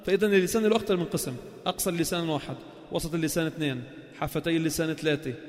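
A man with a Levantine Arabic accent teaching Quran recitation, asking questions and chanting sounds slowly to show them. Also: on the high side, in a large hall. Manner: slow, drawn-out chanted demonstrations of sounds and words; asks the class questions and answers them himself. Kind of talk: spoken lesson on tajweed.

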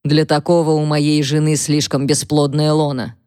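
A pompous, irritated husband, as a woman narrator puts him on, slow and lordly, talking down with dry sarcasm. Her voice drops low and dark for him. It is a close, dry reading. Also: flat delivery, clear, resonant tone, no echo, close to an everyday voice. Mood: condescending. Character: pompous irritated husband, self-important patriarch.

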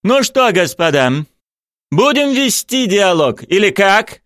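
Guy reading an audiobook doing a puffed-up pompous actor, high and theatrical, dry close sound. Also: very animated, slow pace, a bit bright, dry recording, full character voice. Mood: boastful. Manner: theatrical, declaiming. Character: pompous vain male stage actor, grandiose.

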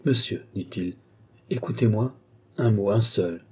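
A man's voice: on the low side, measured pace, warm tone, husky. A man voicing a frightened young man in an audiobook, pleading and protesting his innocence. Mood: earnest. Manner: pleading, stammering.

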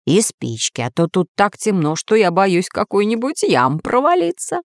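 A woman's voice: medium pitch, huge pitch swings, normal speed, no echo, clean studio sound. A woman voicing a fussy, timid old professor geographer in a storybook reading, cautious and polite. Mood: pleading.

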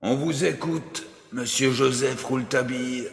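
A man's voice: mid-range voice, a little slow, gravelly. A man voicing a stern, ironic middle-aged court president in an audiobook drama. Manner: stern, authoritative. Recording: echoey room with long reverb.

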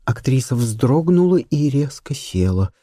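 A man narrating an audiobook in an even, measured storytelling way. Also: mid-range voice, no echo.

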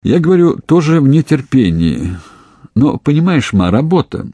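A man's voice: a little high, big pitch swings, normal speed, mellow, husky, no echo, pitched above the performer's own voice. A man playing a dry, ironic police investigator. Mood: cheerful. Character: young male police investigator, wry and calm.

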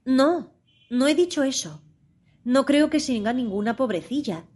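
Woman doing a spunky curious little girl from a storybook, firm and sure of herself, higher voice. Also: animated, a little slow, a little mellow, breathy edge, full character voice. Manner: firm and decided. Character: bold, curious young girl.

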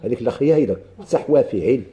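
Dark-voiced Moroccan man teaching grammar. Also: medium pitch, expressive, very fast. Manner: explains step by step, quizzing students with questions. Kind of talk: classical grammar lesson.

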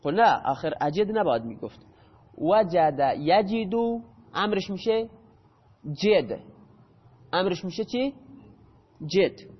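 A man with a high voice teaches a grammar class, taking each rule step by step and stopping to quiz his students. The audio is dull and muffled, and his voice rings with a long hall reverb. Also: animated, long pauses, breathy edge. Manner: explains step by step, quizzes students with questions.

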